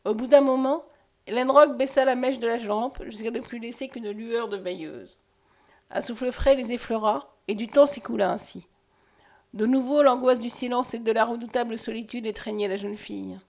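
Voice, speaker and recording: A woman narrating a novel aloud. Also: fairly high pitch. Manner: measured, expressive reading. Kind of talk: audiobook narration.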